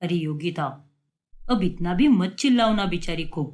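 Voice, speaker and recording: A woman voicing a calm, gentle middle-aged father who soothes the family in an animated story. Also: lowish voice, normal speed, pitched below the performer's own voice, close to an everyday voice. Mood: soothing. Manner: soothing, mild.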